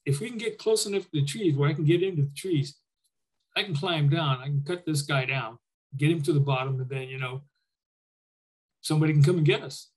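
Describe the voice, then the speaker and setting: An older man, a military veteran and former Army air traffic controller, is interviewed and recalls his war service in an informal, conversational storytelling style, often voicing remembered dialogue. His voice is a little high, brisk, and husky, on a low-quality recording.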